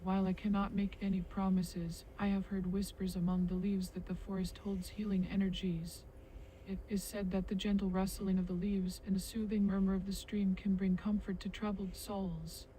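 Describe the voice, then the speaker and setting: A woman's voice: medium pitch, flat delivery, moderate pace, mellow, slight background noise, close to an everyday voice, low-quality recording. A woman voicing a kindly forest spirit, an ancient guardian in a game, speaking in flowery, solemn phrases. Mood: serene, gracious. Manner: flowery, solemn storybook speech. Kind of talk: scripted video game character dialogue.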